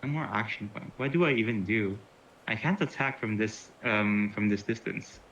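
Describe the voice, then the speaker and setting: A man's voice: on the low side, moderate pace, a bit bright, a little hiss or hum. A man playing in a tabletop game, talking casually and hesitantly, often restarting and swearing. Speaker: player. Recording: dull lo-fi mic.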